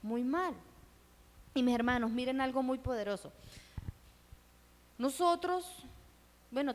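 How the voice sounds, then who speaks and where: A middle-aged woman and missionary giving an earnest testimony sermon in a church hall, asking her listeners rhetorical questions. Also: fairly high pitch. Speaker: missionary speaker at a church event. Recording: reverberant hall.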